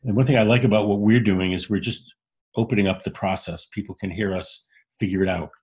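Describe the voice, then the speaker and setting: Deep, husky-voiced man co-hosting a podcast. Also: steady tone, a little fast, a little mellow. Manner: candid and earnest, explains ideas frankly. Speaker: podcast co-host. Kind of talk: casual conversation.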